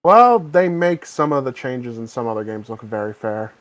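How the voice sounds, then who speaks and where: A man's voice: medium pitch, animated, moderate pace, low-quality recording. A man hosting a casual podcast over voice chat, often hesitating and restarting his sentences. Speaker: podcast host. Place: home, on voice chat. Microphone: desk mic over voice chat.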